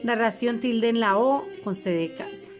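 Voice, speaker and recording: A woman's voice: fairly high pitch, normal speed, soft background music. A woman teacher, giving a recorded lesson to fifth graders and patiently spelling out each instruction. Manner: patient, reminding, spells things out for children.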